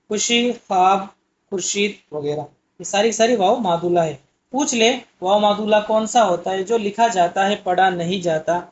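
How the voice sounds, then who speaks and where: A man teaching an Urdu exam-prep lesson, explaining patiently and asking questions that he answers himself. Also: sits high. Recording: muffled lo-fi audio.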